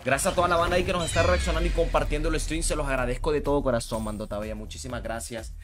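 A man's voice: on the high side, fairly even intonation, racing. Hyped, slangy male game streamer. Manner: hyped, slangy, repeats shout-outs. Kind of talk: casual live-stream commentary. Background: game music.

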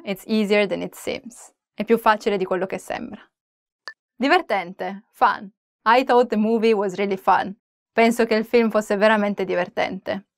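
On camera from the head and shoulders, a young woman from Italy gives a playful, chatty language lesson in a medium-pitched, Italian-accented voice. She alternates English and Italian example sentences, and though she's in a small indoor room with a plain wall or flag behind her, the sound is clean studio quality with no room sound.

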